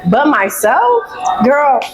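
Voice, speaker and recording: A woman's voice: high-pitched, slow, over music, poor audio. Chatty woman, native Spanish speaker. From Puerto Rico. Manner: chatty and expressive, calls the listener "girl" and "babe". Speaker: guest, editorial hairstylist. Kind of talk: casual chat.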